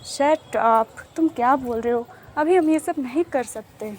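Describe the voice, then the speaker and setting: A woman's voice: high voice, a little slow, darkish tone, a little hiss or hum. Woman voicing a bashful, gushing young man. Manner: bashful, gushing, mixes English phrases. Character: sweet, shy young man, easily flustered and tearful.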